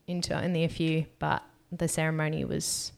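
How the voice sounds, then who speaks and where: This is a young woman with a notably low voice. She chats on a podcast in an easygoing, reflective way, reading out questions and talking about staying grounded. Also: normal speed, creaky, clear, resonant tone. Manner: relaxed, reads out questions, talks about energies. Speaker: podcast co-host. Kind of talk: casual podcast chat.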